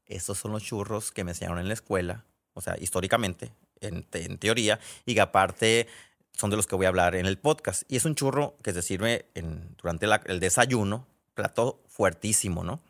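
A man with a Mexican accent hosts a podcast, telling stories in a chatty monologue full of digressions and mid-sentence self-corrections. He speaks at a normal speed in a lowish, somewhat bright voice.

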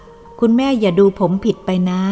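A woman's voice: moderate pace, warm tone, lightly acted. A woman voicing a grown man who coaxes and pleads with his mother, in an echoey room with faint music behind. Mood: earnest. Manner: pleading, coaxing. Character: grown son, playful and coaxing with his mother.

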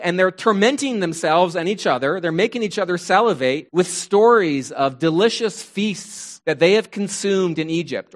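A man preaching a sermon who retells a Bible story with wry, humorous asides. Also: fairly high pitch.

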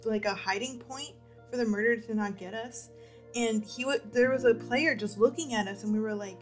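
A young woman chatting casually about games with friends, telling stories in an excitable, animated way. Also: on the high side, moderate pace, soft background music. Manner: excitable, animated storytelling with acted quotes. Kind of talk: casual chat about gaming.

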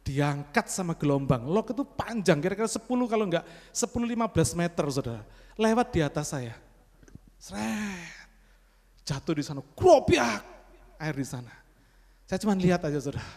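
A man's voice: a little high, expressive, fast. Dramatic preacher man in echoing hall. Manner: dramatic storytelling with sudden loud exclamations; repeatedly addresses the congregation. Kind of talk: sermon. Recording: long hall reverb.

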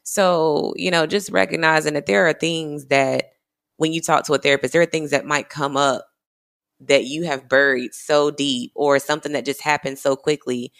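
A woman in her thirties speaks in a candid, heartfelt way about her own life. Her voice carries a steady gravelly rasp, and she fills her sentences with "you know" as she thinks aloud. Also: low-pitched, normal speed. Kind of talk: candid personal storytelling.

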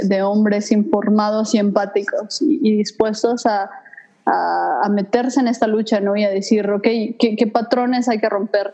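A woman's voice: mid-range voice, warm tone, rough recording. A woman from Mexico City with a Mexico City accent, talking casually and thoughtfully about her studies and interests, with many hesitant fillers. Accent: Mexico City Spanish. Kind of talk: casual conversation.

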